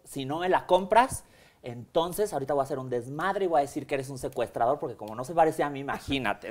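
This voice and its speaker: With a mid-range voice and Mexican Spanish accent, a man in his thirties recounts his story as a guest on a small indoor studio set, sitting in an armchair. He works as a hair extension stylist, and his casual storytelling is animated and expressive, full of hand gestures and fillers.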